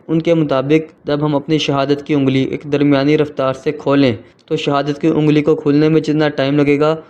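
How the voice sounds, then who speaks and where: Patient male tutor with a Pakistani Urdu accent, smooth even delivery, muffled lo-fi sound. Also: a little high. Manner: slow, patient, drawn-out letter sounds. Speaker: Quran reading teacher.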